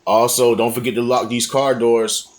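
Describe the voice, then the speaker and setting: A man's voice: medium pitch, flat delivery, moderate pace. A man narrating video clips with casual commentary, giving informal advice. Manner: informal, advising.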